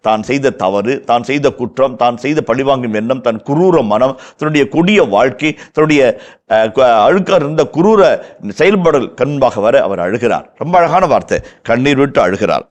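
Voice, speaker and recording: A man's voice: mid-range voice, animated, normal speed. A man with a Tamil accent, a priest explaining the Bible verse by verse in an impassioned way, repeating phrases for emphasis.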